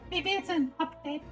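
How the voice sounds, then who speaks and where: A giggly streamer whose voice comes through a voice changer, pushed very high into a girlish register. The delivery is casual chat aimed at viewers, broken up by frequent laughter. Faint game music plays underneath. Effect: voice changer, acting oddly today. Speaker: streamer playing and reacting.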